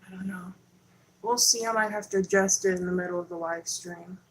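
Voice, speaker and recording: Brisk and steady, her medium-pitched voice comes through poor audio with slight background noise. The woman is a livestream host in her Texas home, casually addressing a camera on a holder in a rambling, conspiratorial, chatty manner full of self-interruptions.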